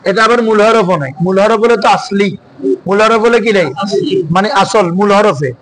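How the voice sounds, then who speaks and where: A man's voice: sits high, a little fast, fairly bright tone, slight background noise, poor audio. A man teaching an Arabic grammar class in Bengali, drilling his students with constant repeated questions. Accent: Bangladeshi Bengali. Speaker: madrasa teacher.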